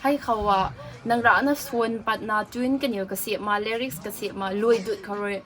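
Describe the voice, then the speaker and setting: A woman's voice: fairly high pitch, a little fast. Woman hosting a casual cafe chat. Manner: mixes in English words, frequent soft "mm" acknowledgements. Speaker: talk show host.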